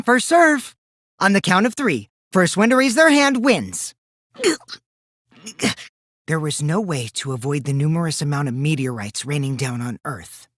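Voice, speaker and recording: This very dry, close-miked video game dub features a teenage boy schemer with a boyish, light, high male voice, mischievous and gleefully deceitful. His theatrical taunting swings widely from sing-song teasing to cold deceit. In this clip he sounds teasing and breezy, his tone a bit bright.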